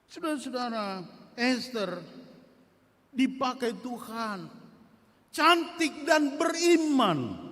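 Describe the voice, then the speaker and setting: A middle-aged pastor preaching a sermon, swinging from soft asides to loud, emphatic outbursts. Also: male voice, high voice. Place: church sanctuary. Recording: reverberant church hall.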